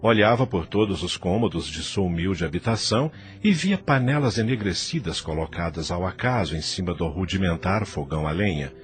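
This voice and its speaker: A man narrates an audio novel in a low voice at a moderate pace with few pauses. His intonation is animated, rising and falling widely through the scripted prose.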